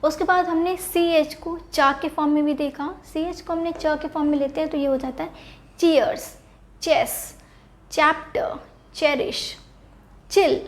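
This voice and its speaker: High-voiced woman teaching spelling. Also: steady tone, fairly quick, few pauses. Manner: explains step by step, poses questions then answers them; mixes English words into Hindi teaching. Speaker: English teacher. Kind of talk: spelling and pronunciation lesson.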